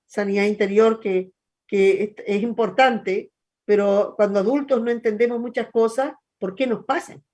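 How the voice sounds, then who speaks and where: A woman's voice: medium pitch, fairly even intonation, moderate pace, darkish tone. A middle-aged woman pastor with a Chilean accent, chatting and telling stories in a hesitant, conversational way. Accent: Chilean Spanish. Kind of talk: church talk show, teaching chat.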